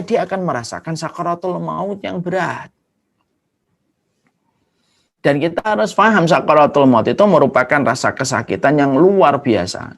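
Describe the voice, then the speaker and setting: A man preaching an Islamic sermon, vivid and dramatic, punctuating points with sound words. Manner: animated, swooping pitch with dramatic sound words.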